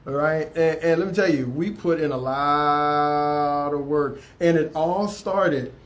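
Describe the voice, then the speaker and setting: A man's voice: a little high, a little slow. A man hosting a casual interview, affirming his guest and often repeating his words. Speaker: talk show host.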